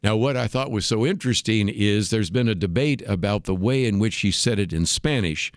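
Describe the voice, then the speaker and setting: A man with a lowish voice hosting a radio talk show, recorded dry and close in a studio. He speaks in a measured, explanatory way and often fills pauses with "uh". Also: dry recording. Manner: measured, explanatory, frequent "uh" fillers. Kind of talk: unscripted radio commentary.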